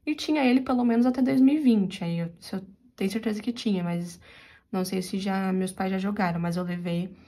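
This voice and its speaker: A young Brazilian woman with a São Paulo interior accent, telling viewers a personal story in a confiding, animated way while she crochets for her channel. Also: medium pitch, a little fast. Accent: São Paulo interior Brazilian Portuguese.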